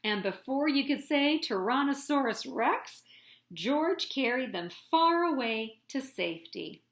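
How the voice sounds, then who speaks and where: Here a high-pitched, expressive woman acts as a storyteller for a children's picture book, stressing words dramatically and deliberately, in a room with noticeable echo.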